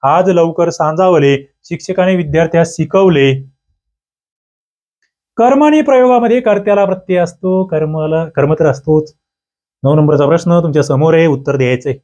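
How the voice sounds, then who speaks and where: A man's voice: on the high side, moderate pace, darkish tone, lo-fi sound. A man teaching an exam-prep grammar lesson, reading out test questions and options and explaining each answer, with sudden jumps in emphasis and many fillers. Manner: fillers like "bagha" and "a", and self-corrections.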